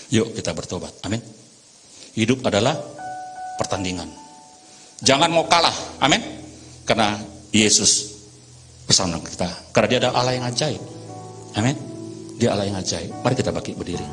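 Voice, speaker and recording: Male pastor, lively sermon, long church-hall reverb, music underneath. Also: lowish voice. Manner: lively, storytelling with acted voices.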